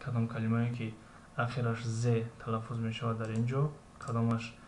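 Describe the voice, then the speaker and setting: A man with a Tajik accent teaching English, reading English lines slowly and explaining them with frequent hesitations. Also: medium pitch, monotone, a little mellow. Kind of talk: recorded language lesson. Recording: echoey room with faint ambient noise.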